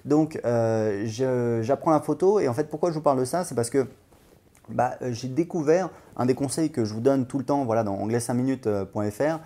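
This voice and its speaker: A man's voice: medium pitch, a little fast, mellow. A man hosting a language-learning channel, talking casually and enthusiastically, with many hesitations and fillers. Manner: rambling, full of hesitations and fillers; enthusiastic, recommending. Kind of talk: casual vlog talk.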